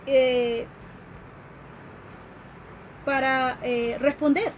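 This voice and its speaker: A woman educator with a high voice lectures at an unhurried pace during a live stream. She explains patiently, pausing on fillers and restarting her sentences. A faint hiss of background noise runs under her voice. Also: fairly even intonation, low-quality recording. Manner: explanatory, with fillers and restarts, acts out quoted questions. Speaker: educator giving a talk.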